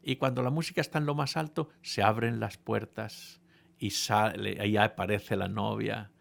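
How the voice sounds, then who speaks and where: A man preaching a sermon, telling a humorous story to his congregation in a playful, animated way with frequent restarts. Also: lowish voice, moderate pace, creaky.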